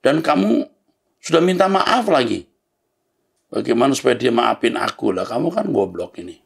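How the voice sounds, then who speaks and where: A man's voice: medium pitch, very animated, normal speed, creaky, husky. A man, a pastor, answering listeners' letters in a blunt, scolding yet fatherly way.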